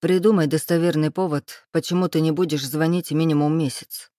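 A woman voicing a stern young man who speaks in short, clipped, low phrases. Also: steady tone, fairly quick, warm tone, no room sound, clean studio sound, lightly acted.

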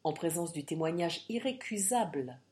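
Woman reading a bold adventurer wooing by threats, audiobook, mellow low voice. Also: animated, moderate pace, lightly acted. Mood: impassioned. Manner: impassioned, threatening. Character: bold passionate Irish adventurer gentleman.

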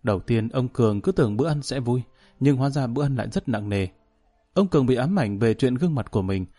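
A man narrating a novel as a storyteller, in a calm, measured way. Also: medium pitch, slightly rough. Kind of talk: audiobook narration.

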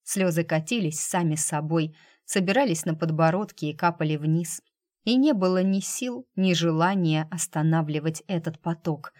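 Low, dry-voiced woman narrating a novel. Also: darkish tone, no room sound. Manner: measured, dramatic reading. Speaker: audiobook narrator. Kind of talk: scripted narration.

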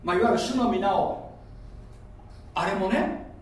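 Male pastor, high and lively voice, teaching style, heard from afar in a very echoey hall. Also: measured pace. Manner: explains like a teacher, asks the audience questions. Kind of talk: sermon. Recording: echoey room, voice from far off.

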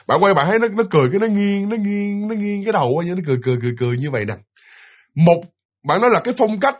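A young man tells a ghost story in a husky, slightly high voice. He talks fast, with lively, swooping delivery, and keeps turning to his listeners as he repeats himself. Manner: lively, repetitive, addresses listeners directly. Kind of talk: casual spoken ghost story.

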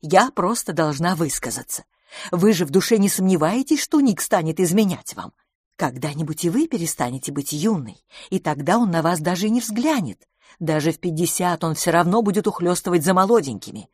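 A woman reading an audiobook, voicing an earnest, timid middle-aged spinster who speaks in a low, hushed, pleading way. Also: expressive, a little fast, breathy edge, no echo, studio quality.

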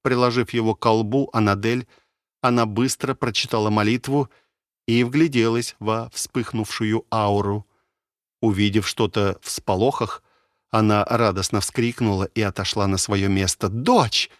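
Male audiobook narrator with a lowish voice, dramatic, measured delivery, dry close recording. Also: steady tone, dry recording.

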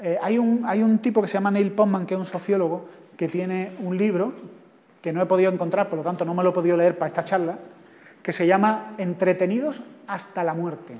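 A man with a Spanish accent from Spain addresses an audience in a lively, wry talk full of rhetorical questions. His voice rings through a big hall with a long echo, and the sound is dull and muffled. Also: high-pitched, fast.

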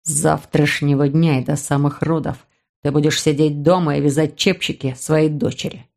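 A woman's voice: low-pitched, fairly even intonation, moderate pace, vocal fry, a little mellow, pitched below the performer's own voice. A woman voicing a sarcastic, domineering man who mocks and hisses at his young sister, in a Russian audiobook. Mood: menacing. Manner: mocking, hissing.

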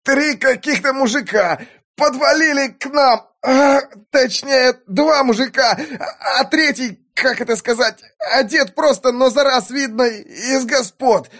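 A shrill, squealing voice of a lanky captured thug, stammering and sobbing as he begs for mercy. Pitched far above a normal male voice and dragged out slowly between whimpers. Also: fairly bright tone, exaggerated voice. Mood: terrified, pleading. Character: lanky terrified male hired thug, captive. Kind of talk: audiobook character voice.

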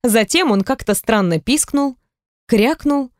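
A woman narrates an audiobook in an even storytelling manner. Her voice sits a little high. The close mic leaves the sound dry and without room echo. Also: a little slow.

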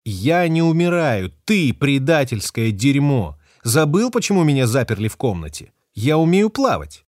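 A man's voice: medium pitch, sing-song, normal speed, few pauses, no room sound, studio quality, pitched above the performer's own voice, natural voice. A man voicing a fierce, defiant young woman ship captain who talks sharply and curses. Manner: sharp, cursing, hissing. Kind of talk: audiobook character voice.

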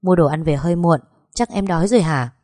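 A woman's voice: on the low side, a little fast, dark tone, dry recording, studio quality, close to an everyday voice. A woman voicing a friendly, chatty neighbor woman in a storybook reading.

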